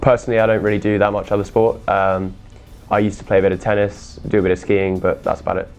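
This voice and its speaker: An eighteen-year-old man giving casual, measured interview answers about his rowing crew. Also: fairly low pitch, soft background music. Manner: steady, measured, filler-heavy. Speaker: junior rowing crew member.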